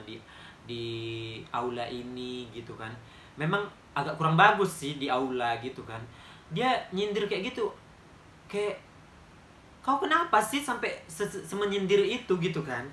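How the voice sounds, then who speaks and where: A man's voice: high-pitched, sharp tone, slight background noise. A young man in his twenties with a Medan accent, telling a story to camera in a chatty, emphatic way. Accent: Medan Indonesian. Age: 20s. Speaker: vlogger. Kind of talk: casual storytime monologue. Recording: roomy echo.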